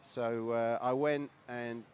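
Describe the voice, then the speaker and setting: A man with a southern English accent talks casually in an interview at a live event. His pitch is average, and there is clear ambient noise around him. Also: steady tone, slow, a little mellow. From Southampton, England. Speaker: guest, classic truck owner. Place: on location at a car show.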